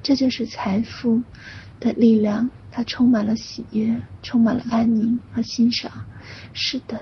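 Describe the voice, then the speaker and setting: Female meditation guide, soothing sleep story narrator manner, near-whispered and unhurried with very flat intonation; slightly muffled lo-fi recording. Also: on the high side. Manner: hushed, breathy, often near whisper; slow, gentle delivery with long pauses. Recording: dull lo-fi audio with faint noise.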